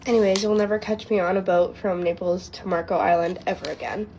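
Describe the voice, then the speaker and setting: A young woman telling a storytime tale in a casual, animated way, with lots of "like". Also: fairly low pitch, a little fast, slight background noise.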